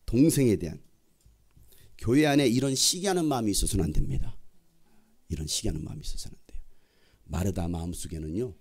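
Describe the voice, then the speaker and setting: Animated Korean pastor preaching. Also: male voice, mid-range voice. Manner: animated storytelling, acts out voices. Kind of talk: sermon.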